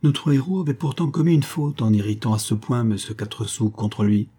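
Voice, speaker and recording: A man reading a classic French novella aloud in a measured, steady manner. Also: medium pitch, slightly rough. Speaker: audiobook reader. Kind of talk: scripted narration.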